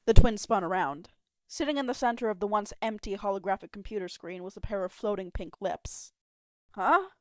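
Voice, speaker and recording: A woman's voice: medium pitch, a little fast, dry recording, clean studio sound. A woman narrating fan fiction as an amateur audiobook reader on a home mic, telling it expressively. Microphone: home mic, not professional.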